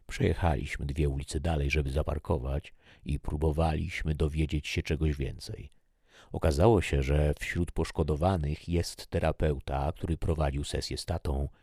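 A man narrating a first-person story in a measured, reflective way. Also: rumbling low, darkish tone, husky, no echo, studio quality.

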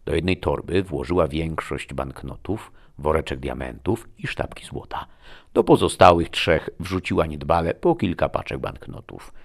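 A man narrating a first-person story in a gruff, expressive way. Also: very deep voice, moderate pace. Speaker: audiobook narrator.

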